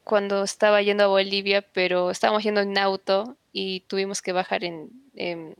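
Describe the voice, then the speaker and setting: A woman's voice: mid-range voice, level tone, normal speed, gravelly, no echo. A woman, a podcast guest in casual chat, telling anecdotes and explaining things at length.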